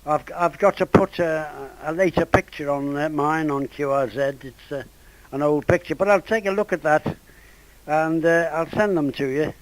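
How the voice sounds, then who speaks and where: An elderly man in his 80s or older, his voice recovering from a cold, speaks hesitantly and haltingly during a casual amateur radio contact made through an internet app. His voice is a little high, and the audio quality is poor.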